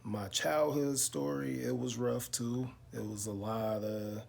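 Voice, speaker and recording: A man, talking slowly and reflectively to his viewers in a casual vlog, with lots of pauses and fillers. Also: medium pitch, fairly even intonation, creaky, a little mellow. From Chicago. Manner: slow, reflective storytelling with many pauses and fillers. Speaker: car vlogger. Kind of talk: casual talk to camera.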